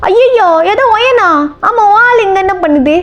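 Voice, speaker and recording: A woman voicing rowdy, panicking young male friends in a storybook role-play, shouting frantically in slang. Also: very high voice, brisk, pitched above the performer's own voice. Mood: frantic.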